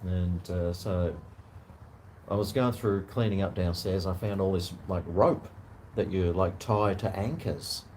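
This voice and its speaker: A man with a broad Kiwi accent and a lowish voice chats away like a casual vlogger. He rambles in a laid-back, slangy manner with some swearing, and there is clear noise behind him. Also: a little slow, darkish tone, low-quality recording. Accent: broad New Zealand. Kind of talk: casual rambling chat to camera. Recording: noticeable background noise.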